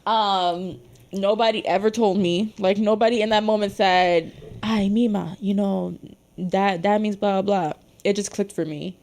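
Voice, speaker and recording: A woman co-host in a casual podcast chat tells a childhood story, swearing freely and laughing along. Her pitch sits in the middle, and she drops in quick Spanish phrases. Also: steady tone, a little mellow. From Dominican household in the US.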